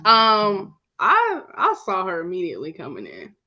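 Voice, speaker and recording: A woman guest on a podcast telling a story in a lively way, often laughing. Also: medium pitch, moderate pace. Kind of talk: casual storytelling. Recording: dull, lo-fi sound.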